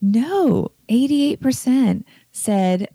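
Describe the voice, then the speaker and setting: A woman's voice: fairly high pitch, animated, extremely slow, creaky, dark tone, husky, dry recording. A woman co-hosting a podcast, talking frankly with a light sarcastic edge. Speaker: podcast co-host. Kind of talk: casual chat.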